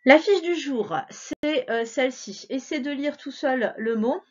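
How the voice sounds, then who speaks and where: Slow, patient woman teacher, lo-fi. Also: high-pitched. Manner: slow, syllable-by-syllable, patient and encouraging. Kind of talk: remote reading lesson for young children. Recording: dull lo-fi recording.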